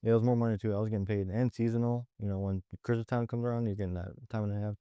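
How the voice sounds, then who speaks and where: A young man talks in a relaxed, open way on a podcast. His voice is lowish, mellow and smooth, recorded close and dry. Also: rapid-fire, no echo. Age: young adult. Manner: relaxed and candid, with many likes and restarts. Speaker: podcast co-host and Navy recruit. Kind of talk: casual reflective chat.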